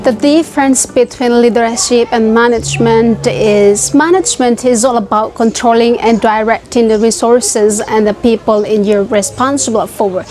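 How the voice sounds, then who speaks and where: This student in her twenties, a native Indonesian speaker with the accent to match, recites a rehearsed, list-like self-presentation for a video CV with hardly any pauses. Her voice is on the high side with a darkish tone, fairly even intonation, and a moderate pace. Soft music plays in the background of the lapel mic recording, made in an open-air wooden pavilion.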